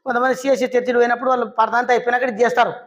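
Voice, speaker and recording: A woman preaches with a fairly high voice. She tells stories and keeps asking questions and answering them herself. She briefly acts out the people in her stories. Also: rapid-fire. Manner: lively, asks and answers her own questions. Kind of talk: storytelling sermon.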